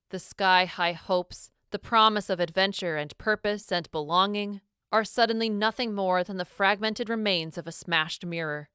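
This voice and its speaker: A woman narrating a storybook in an expressive, dramatic reading style. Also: medium pitch, clear, resonant tone, no room sound, clean studio sound.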